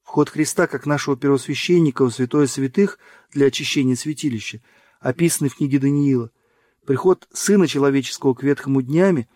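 A man narrating a religious book in a measured, solemn reading. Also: mid-range voice, darkish tone, dry recording, clean studio sound. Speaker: audiobook narrator.

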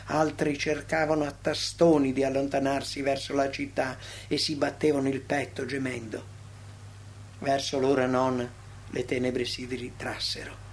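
A man reading a devotional text aloud as a narrator, solemn, with dramatic swells and hushed drops. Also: a little high.

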